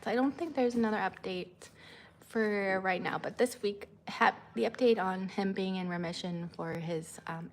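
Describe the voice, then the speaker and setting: A woman in her thirties talks loosely to her livestream viewers, drifting between thoughts with plenty of ums and restarts. Her voice sits at a middle pitch. A faint hum of background noise runs under it. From Canada. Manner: rambling with many fillers, high sing-song when coaxing her child. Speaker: vlogger and mother. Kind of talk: casual livestream chat.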